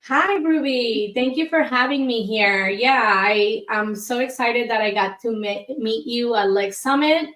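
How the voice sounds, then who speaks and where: A woman's voice: a little high, a little slow, few pauses, a bit bright, roomy sound. A woman from Colombia, an immigration attorney, talking candidly as a guest in an interview with frequent fillers. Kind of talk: casual interview.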